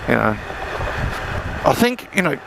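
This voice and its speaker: Man, voice inside a helmet, creaky tone, casual rambling ride commentary, clear engine and wind noise. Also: medium pitch, sing-song, measured pace. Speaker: motorbike vlogger. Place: outdoors on a motorbike on a country trail. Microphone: helmet-mounted mic.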